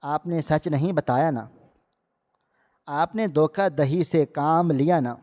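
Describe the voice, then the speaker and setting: A man voicing a calm, firm young man in a wheelchair in a storybook narration, with long hall reverb. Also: on the high side, lightly acted. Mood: reproachful. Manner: firm, reproachful.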